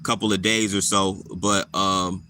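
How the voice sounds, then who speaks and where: A man casually talking to his live chat viewers, relaxed and repetitive, answering people by name. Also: low-pitched, unhurried, a little hiss or hum. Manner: laid-back, repeats himself, answers viewers by name.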